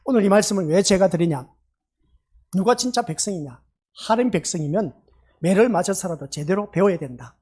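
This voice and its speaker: Husky-voiced man preaching a sermon. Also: high voice, expressive, brisk, darkish tone. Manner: emphatic, peppers talk with rhetorical questions to the congregation. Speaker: pastor. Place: church sanctuary.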